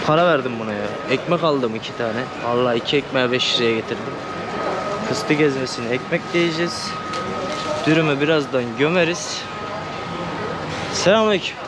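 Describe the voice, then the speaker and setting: A man's voice: mid-range voice, lively intonation, moderate pace, pauses often. A young man with an Adana Turkish accent, vlogging while hitchhiking and later in a hotel room, chatty and wry, dropping to glum mutters. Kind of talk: casual vlog monologue. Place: outdoors by a busy road, later a hotel room. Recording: loud traffic noise outdoors.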